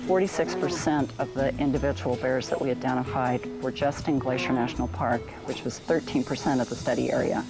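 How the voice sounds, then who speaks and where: A woman's voice: very deep voice, steady tone, brisk, hardly any pauses, over loud music. A woman explaining her wildlife research in an unscripted documentary interview.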